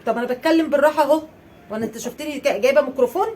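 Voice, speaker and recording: A woman with an Egyptian accent playing a loud, sarcastic wife in a comedy sketch, ranting in rapid bursts. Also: high voice, a little hiss or hum. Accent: Egyptian Arabic.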